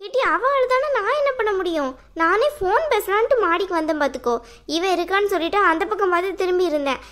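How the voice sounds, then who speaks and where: A woman's voice: expressive, fast, a bit bright. A woman doing grumbling older sister Poomari. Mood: defensive. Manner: muttering, lower grumbling voice. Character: grumbling older sister, sharp-tongued and defensive.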